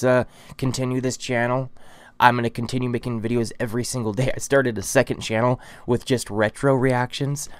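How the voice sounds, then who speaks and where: A man's voice: medium pitch, clear, resonant tone, no room sound. A man rambling casually to his subscribers in a vlog, full of fillers and restarts. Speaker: vlogger.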